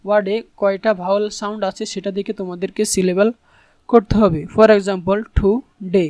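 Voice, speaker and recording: A man's voice: sits high, flat delivery, a little fast, a little mellow, dry recording. A man teaching English in an online tutorial. He explains patiently and spells words out letter by letter.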